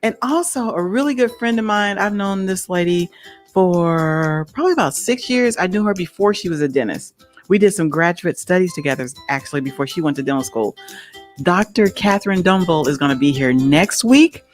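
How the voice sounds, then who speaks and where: Young woman host, excitable and gushing, very animated lower voice. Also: moderate pace, faint music behind. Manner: excitable, gushing, laughs often. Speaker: talk show host. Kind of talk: live-stream talk show.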